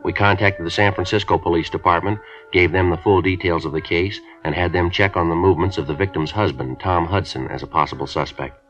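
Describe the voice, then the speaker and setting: A terse, deadpan police sergeant with a very deep voice. He speaks in a clipped, flat, matter-of-fact way. The sound is dull, like a 1950s radio drama. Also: brisk, hardly any pauses, soft background music. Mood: calm. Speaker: detective narrator.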